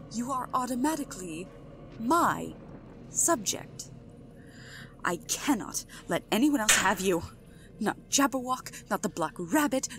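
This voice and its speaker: A woman playing an imperious, possessive queen in an ASMR audio roleplay, regal, controlled and deliberate, with menacing sweetness. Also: on the low side, heavily acted. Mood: possessive, jealous.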